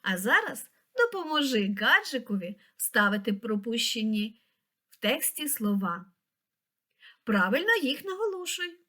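Slow, lively-voiced woman teaching children. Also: fairly high pitch. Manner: slow, clear, pronouncing words syllable by syllable. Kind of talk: scripted lesson narration for young children.

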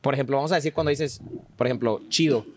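Guy in his 30s, chatty storyteller, keeps tossing in "verdad", jumps up in pitch when he quotes people. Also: quick pace, background noise. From Monterrey, Mexico. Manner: animated, acts out quoted voices with rising pitch; frequent fillers like "¿verdad?". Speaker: guest. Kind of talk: casual conversational storytelling.

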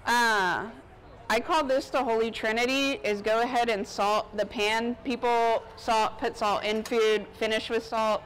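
This chef, a woman in her thirties, speaks a little slowly with a fairly high, fairly bright and steady voice while casually explaining as she cooks for onlookers. She's on an outdoor covered market stage wearing a lapel mic, and the audio is poor with outdoor park ambience behind.

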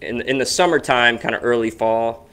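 A man's voice: medium pitch, moderate pace, a bit bright, smooth. A man co-hosting a podcast in casual chat, talking in a rambling way with frequent restarts. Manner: rambling, restarts often, chatty. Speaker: podcast co-host. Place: basement home studio.

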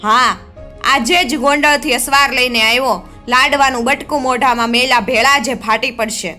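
A woman's voice: high voice, fairly even intonation, normal speed, bright, forceful tone, soft background music. A woman voicing a frightened young maidservant in a folk tale, her voice cracking with urgency. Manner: cracked, urgent whisper-like plea.

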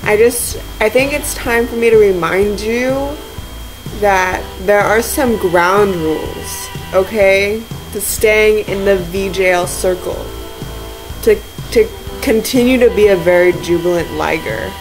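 A young woman vlogs from her living room, sounding tired and sleep deprived. She talks slowly in casual, slangy chat with deadpan jokes. It is a home webcam recording with music behind her. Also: medium pitch, low-quality recording. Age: young adult. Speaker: video blogger. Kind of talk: casual chat to friends on camera. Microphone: webcam or laptop mic at arm's length.

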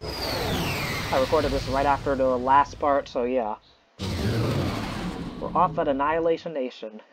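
A man's voice: mid-range voice, measured pace, background noise. A man hosting a let's play with casual, rambling gameplay commentary, often repeating his words. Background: loud game music and effects.

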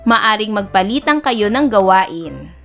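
A woman music teacher giving a recorded lesson to children, speaking slowly and clearly. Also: mid-range voice, animated, fairly bright tone. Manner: slow, clear teacher talk, breaks into singing nursery songs.

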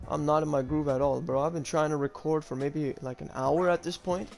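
High-pitched sweary male gamer. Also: steady tone, fairly quick, creaky, a little mellow, soft background music. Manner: informal, slangy and sweary. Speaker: gaming YouTuber. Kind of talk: casual live gameplay commentary.

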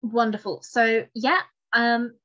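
This woman's voice is a little high, pushed and bright, with a level tone and slow pace. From home on a video call, she delivers a chatty online presentation about fountain pens, often at her own expense, through a mic that renders dull lo-fi audio.

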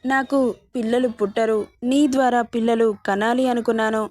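A calculating older sister who is smooth and persuasive, voiced by a woman narrator. The voice sits fairly high, and the recording is dry and close. It sounds like a story being read aloud, without a distinct character voice. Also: fairly even intonation, normal speed, a little mellow, dry recording, lightly acted.

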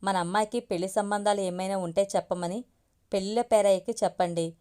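A woman's voice: mid-range voice, steady tone, quick pace, mellow, close to an everyday voice. A woman as a scolding middle-aged mother. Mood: practical. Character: stern but loving middle-aged mother.

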